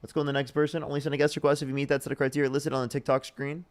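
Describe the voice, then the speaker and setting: With a flat, racing, medium-pitched delivery, this young man runs a livestream debate, bluntly putting the same screening questions to every new guest. There's slight background noise.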